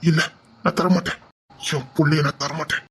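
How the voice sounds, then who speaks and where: A woman playing a husky, anguished village mother. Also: low voice, fairly even intonation, moderate pace. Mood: defiant. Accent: Tirunelveli Tamil. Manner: emotional, scolding. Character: anguished village mother guarding her baby. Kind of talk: melodramatic village drama acting.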